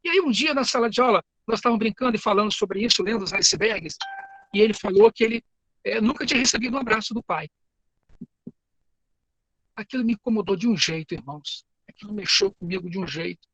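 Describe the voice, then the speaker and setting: Um homem com sotaque brasileiro que prega um sermão sincero, conta histórias e repete palavras e frases. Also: male voice, high-pitched, fast talker, fairly bright tone, dry recording, low-quality recording. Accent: Brazilian Portuguese. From Brazil. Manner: earnest, storytelling, repeats words and phrases. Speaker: preacher and teacher. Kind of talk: sermon.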